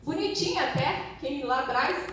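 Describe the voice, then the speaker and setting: A woman's voice: sits high, moderate pace, fairly bright tone, a little hiss or hum. A middle-aged woman telling a personal story to a conference audience, acting out voices and her own crying. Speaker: speaker at a conference. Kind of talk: storytelling talk. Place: large conference hall. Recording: echoey hall from far off.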